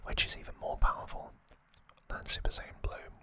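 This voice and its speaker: A man hosts an ASMR video, recapping casually in a breathy, unvoiced whisper. His delivery is halting and intimate, and the tone is sharp.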